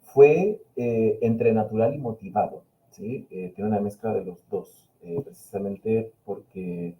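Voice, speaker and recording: A middle-aged Catalan-speaking man from Spain, a university linguistics professor invited to a webinar, answers questions over a video call in a reflective, hesitant way full of fillers. His Peninsular Spanish has blended with Chilean Spanish. His voice is lowish and measured, and the sound is lo-fi.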